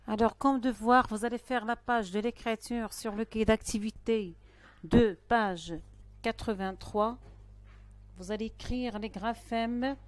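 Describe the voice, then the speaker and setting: Slow, careful woman teacher. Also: on the high side, steady tone, dry recording. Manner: slow, careful dictation-style delivery with pauses. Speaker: primary school teacher. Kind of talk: recorded online lesson.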